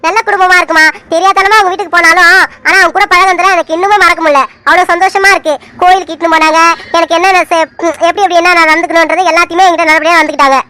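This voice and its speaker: A woman chats in a cartoon family serial, rambling on and repeating herself. Her voice is very high and bright, and she talks quickly. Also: fairly even intonation. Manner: chatty, rambling, lots of repeats. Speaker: storyteller voicing Poomari.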